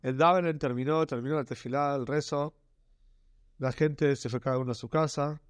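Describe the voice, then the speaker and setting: A man with a Rioplatense Spanish accent telling a religious story earnestly, slowing down and stretching words for emphasis. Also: mid-range voice, fairly even intonation, clean tone, no echo, studio quality.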